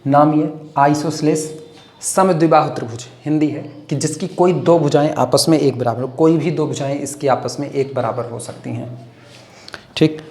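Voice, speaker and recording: A man's voice: a little high, fairly even intonation, darkish tone. Man dictating math notes, echoey room. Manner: slow dictation of formulas word by word; explains with homely comparisons. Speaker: math teacher. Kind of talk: classroom lecture, dictating notes.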